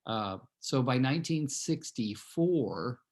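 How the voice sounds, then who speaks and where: A man's voice: medium pitch, animated, takes it slowly, darkish tone. A man in his sixties from California, a real estate team leader telling a rambling personal story to his team on a video call, often turning to address his listeners directly. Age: 60s.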